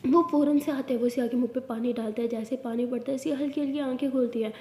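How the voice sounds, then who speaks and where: A woman narrating a love story and voicing its characters, with steady, expressive storytelling. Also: high voice, fast talker, slight background noise. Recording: echoey room with long reverb.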